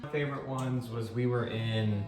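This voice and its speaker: A man's voice: mid-range voice, fairly even intonation, normal speed, darkish tone. Young man chatting in an echoey room. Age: 20s. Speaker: vlog co-host. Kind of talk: casual chat. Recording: roomy echo, faint music behind. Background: faint background music.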